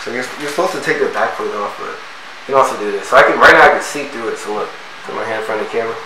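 A man demoing a product in a casual way, talking from inside a closed helmet and calling loud voice commands. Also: medium pitch, rapid-fire, reverberant, recorded from a distance, background noise. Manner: loud commands, then mutters asides. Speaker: product reviewer.

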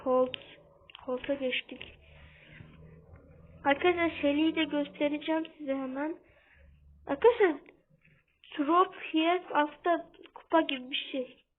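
A young-sounding woman giving casual gameplay commentary for her channel, half-shouting and keeping up a running chat with her viewers. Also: high-pitched, steady tone, measured pace, long pauses. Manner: talks a bit loudly on purpose, keeps calling out to viewers. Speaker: gaming channel host. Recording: tinny phone-like sound.

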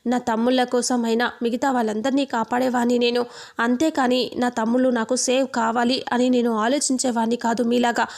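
A woman's voice: fairly high pitch, flat delivery, a little fast, darkish tone, natural voice. A woman reading out a defiant young hero. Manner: defiant, warning tone. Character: determined young man defying kidnappers. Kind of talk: retelling a serial scene.

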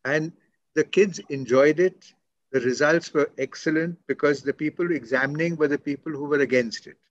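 An older man with a posh, educated Indian English accent, answering as a school educationist on a panel in measured, emphatic phrases over a muffled online call. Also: on the high side, no room sound.

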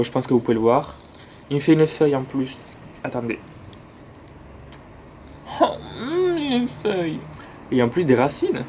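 A man's voice: mid-range voice, darkish tone, a little hiss or hum. Chatty southern French man, outdoors. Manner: enthusiastic, chatty, slangy. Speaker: plant vlogger. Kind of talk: casual chat. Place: outdoors near a road with cars and planes.

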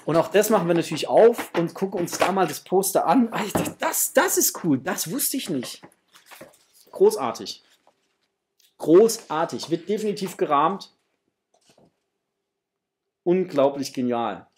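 Speaking slightly slowly with long pauses, this middle-aged man has a high, animated voice with a darkish tone and some faint background noise. He's a toy collector vlogger hosting a casual unboxing, gushing superlatives to viewers from a small indoor room decorated with framed posters.

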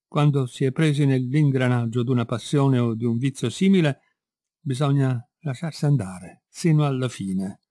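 Male reader as a worn-out middle-aged man, brooding and self-pitying, even pitch, close and dry. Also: normal speed, no echo, natural voice. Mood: brooding confession. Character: weary middle-aged man confessing ruinous passion. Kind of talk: read-aloud storytelling.

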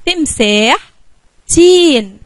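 A woman with an Egyptian Arabic accent teaching a kindergarten spelling lesson, slowly drawing out letter sounds for young children. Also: high voice, expressive, dry recording.

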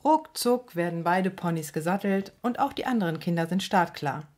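Low-voiced woman reading a children's story. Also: animated, normal speed, darkish tone. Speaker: narrator.

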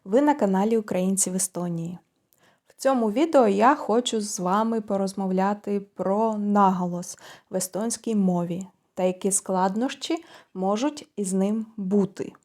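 A woman with a Ukrainian accent hosting her own channel, explaining a language point in a casual lesson and pausing now and then with fillers to think. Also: medium pitch, mellow. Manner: thoughtful, pauses with fillers while explaining. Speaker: channel host explaining Estonian stress.

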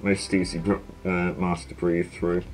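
A young man talking casually and haltingly about his collection, his voice muffled through a gas mask he is wearing. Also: sits low, level tone, a little mellow. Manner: rambling, hesitant, many fillers. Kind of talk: casual show-and-tell video.

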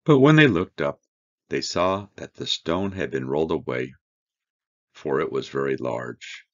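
A man teaching a verse-by-verse Bible study, reading scripture aloud and explaining it with slow, earnest emphasis. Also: rumbling low, expressive, lo-fi sound.

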